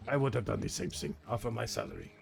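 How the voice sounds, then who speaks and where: Man playing a gravelly, grumpy old crime veteran. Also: on the low side, very animated, fast, soft background music, heavily acted. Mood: weary, grim. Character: grumpy old male crime organization veteran, weary and fatalistic. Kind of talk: improvised online role-play.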